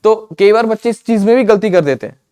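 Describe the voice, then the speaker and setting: A man gives an exam-prep grammar lesson in a fairly high voice. He explains in Hindi mixed with English, repeats each word and often checks in with "theek hai". He slows right down whenever he reads an English example. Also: lively intonation, mellow, clear, resonant tone. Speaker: English teacher.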